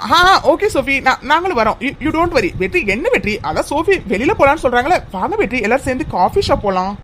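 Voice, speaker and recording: A woman's voice: high voice, very animated, fast talker, a bit bright, a little hiss or hum. A woman voicing Rocky, a cheeky young man who mocks his friend's jealousy, in a cartoon. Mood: mocking. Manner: mocking, needling.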